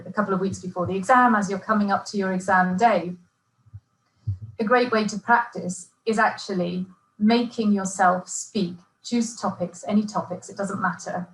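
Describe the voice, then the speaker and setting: A woman's voice: mid-range voice, steady tone, normal speed. Chatty woman presenter in an echoey room. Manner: chatty and encouraging, with frequent fillers and restarts. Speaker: teacher trainer presenting an exam webinar. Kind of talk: webinar presentation.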